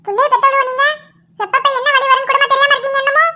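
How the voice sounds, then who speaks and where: Woman putting on a sharp-tongued old granny. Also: extremely high pitch, little pitch movement, racing, a little hiss or hum, pitched above the performer's own voice, heavily acted. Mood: teasing. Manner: teasing, sharp-tongued scolding. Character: blunt scolding old village grandmother. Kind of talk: cartoon voice acting.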